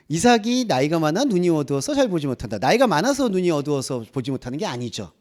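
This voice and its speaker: Animated male pastor preaching. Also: high-pitched. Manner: animated preaching with rhetorical questions to the congregation. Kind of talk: sermon. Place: church.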